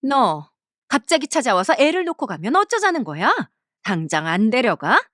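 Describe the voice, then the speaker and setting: A woman's voice: a little high, sing-song, normal speed, fairly bright tone, no room sound, studio quality. A woman voicing a harsh middle-aged mother-in-law in a story cartoon, speaking with contempt and berating her daughter-in-law. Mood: scornful.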